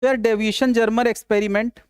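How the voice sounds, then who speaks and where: A very high-pitched male voice, a little fast with little pitch movement and a clean tone, delivers a casual physics lecture with no echo. The teacher is chatty, jokes with students, calls them "yaar," and answers questions he poses himself.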